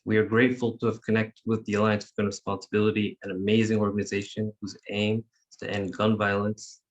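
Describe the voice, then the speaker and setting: A man facilitating an online youth meeting, speaking in a measured, formal way as he reads prepared remarks over a video call. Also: lowish voice, level tone, dull audio.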